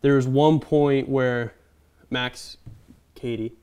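Smooth-voiced man joking about movies. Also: medium pitch, steady tone, extremely slow, a little mellow. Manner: rambling, joking, acts out quotes. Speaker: podcast co-host. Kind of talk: casual movie chat.

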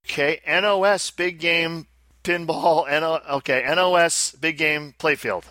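A man with a slightly high, bright voice co-hosts casually. He moves between reading out listings and offhand comment. The sound is very dry. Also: steady tone, a little slow, no echo. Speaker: podcast co-host.

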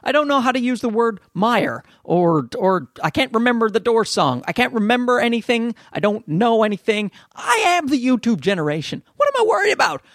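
High-pitched Newfoundland man, rambling podcast host. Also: big pitch swings, normal speed, hardly any pauses, fairly bright tone, no room sound, studio quality. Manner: rambling, self-deprecating, sweary. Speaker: podcast host and amateur comedian. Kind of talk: casual solo podcast rant.

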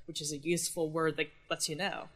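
A woman talks casually on a literary podcast. Her voice is a bit low, and she gives opinions in a wry, slangy, exasperated way. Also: flat delivery, brisk, husky. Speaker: podcast co-host.

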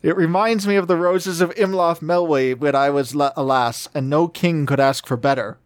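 A man reading aloud the lines of a chatty, proud old woman healer, raising his pitch slightly. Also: steady tone, normal speed, dry recording, studio quality, lightly acted.

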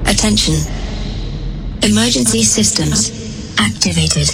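A woman voicing a calm female spaceship computer that gives even, measured announcements in a synthetic-sounding voice. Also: medium pitch, creaky. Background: electronic dance music.

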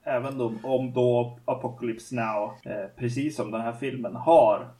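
A man's voice: medium pitch, fairly even intonation, warm tone, distant mic, rough recording. A man co-hosting a podcast, casually talking through a film, with loose fillers and restarts. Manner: conversational, many fillers and restarts. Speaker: podcast co-host.

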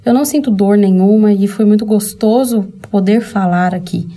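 A woman's voice: mid-range voice, moderate pace, dark tone. A Brazilian woman hosting her own channel, telling a personal story candidly and with emotion, speaking straight to her viewers. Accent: Brazilian Portuguese. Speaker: channel host.

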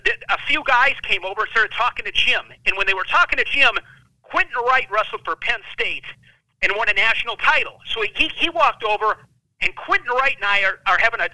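A high-strung man in his thirties with a high, very bright voice tells his story as a podcast guest. He talks intensely and animatedly, recorded dry and close. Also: dry recording, poor audio. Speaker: wrestling analyst, guest.

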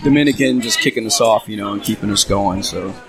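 Laid-back low-voiced cigar guy, lots of "you know"s, chatting on a podcast. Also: fast talker, a crowd in the background. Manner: easygoing, fills with "you know". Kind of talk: casual chat. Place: cigar lounge.

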